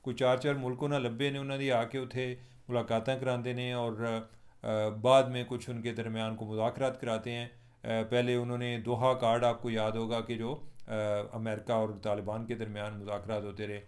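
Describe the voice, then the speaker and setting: A man's voice: medium pitch, flat delivery, normal speed, a little mellow. A man from Pakistan with a Pakistani Urdu accent, giving chatty, wry commentary to his viewers as a journalist on his own channel. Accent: Pakistani Urdu with Punjabi touches. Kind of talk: casual spoken commentary vlog.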